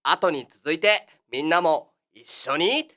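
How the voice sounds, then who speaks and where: A woman's voice: low voice, expressive, slow pace, pushed and bright, exaggerated voice. A woman playing the cheery big-brother host of a children's exercise show, talking in a sing-song, coaxing patter in a comic monologue.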